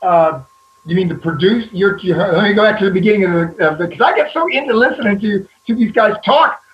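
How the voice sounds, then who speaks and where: High-voiced man, candid and rambling. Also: animated, fairly quick, dull audio, soft background music. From American South. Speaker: actor, panel guest. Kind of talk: panel discussion.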